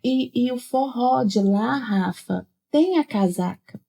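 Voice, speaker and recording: A woman's voice: fairly high pitch, slow pace, creaky. A woman from Espírito Santo hosting a podcast, talking animatedly and tagging her sentences with "né?". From Espírito Santo, Brazil. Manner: animated, with lots of "né?" tags. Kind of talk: casual conversation.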